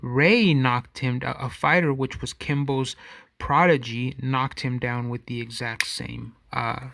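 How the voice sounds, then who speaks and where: A man talks slowly into a close mic, picking his way through his thoughts on his own podcast. He wanders and corrects himself in a loose, conversational way, and the sound is dry with no room around it. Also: medium pitch, fairly even intonation, gravelly, a bit bright, dry recording. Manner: rambling, self-correcting, conversational. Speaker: podcast host. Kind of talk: casual solo commentary.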